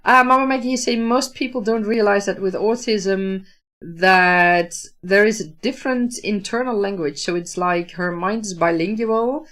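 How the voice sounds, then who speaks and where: A Dutch-accented woman from the Netherlands, who is an author, hosts a laid-back livestream where she considers viewer comments thoughtfully, with frequent fillers and restarts. Her voice is mid-range and fairly bright in tone.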